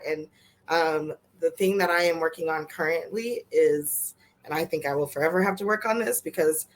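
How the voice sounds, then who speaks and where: Earnest woman panelist, lower voice. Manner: earnest, plain-spoken, laughs often. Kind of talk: casual panel discussion.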